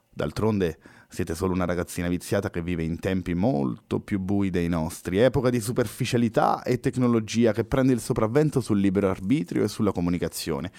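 A man's voice: sits low, darkish tone. A man reading a story aloud, voicing an arrogant, cold male villain who threatens and sneers.

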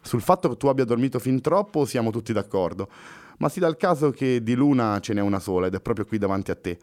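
A man voicing a spirited, quick-witted young woman in a storybook reading, with a lively, teasing manner. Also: mid-range voice, voice pushed up, close to an everyday voice. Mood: earnest.

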